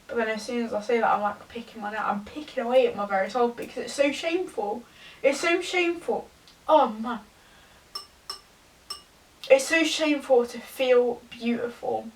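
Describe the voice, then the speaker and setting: A young woman, tipsy, giving a rambling, halting confessional rant to a camera some distance away. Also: on the high side. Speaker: vlogger. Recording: distant from the mic.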